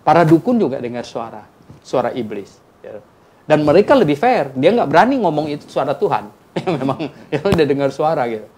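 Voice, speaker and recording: A man speaking as a pastor and guest on a church talk show, animated and acting out quoted dialogue, with frequent tag words. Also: fairly high pitch, a little fast, a little hiss or hum.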